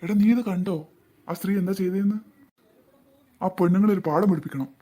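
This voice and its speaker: A man's voice: high-pitched, fairly quick, dark tone. A man voicing a stern, protective ghost in a cartoon, scolding and threatening. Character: stern protective house ghost, grown male.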